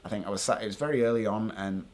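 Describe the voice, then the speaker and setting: A man's voice: fairly low pitch, racing, a little mellow. A British man talking casually and informally to viewers as a paranormal vlogger, thinking aloud as he explains.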